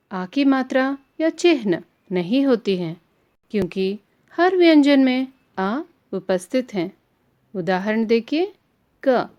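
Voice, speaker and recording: A woman teaching a Hindi lesson, reciting letters and syllables slowly one by one. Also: mid-range voice, a little mellow. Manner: slow, measured, syllable by syllable.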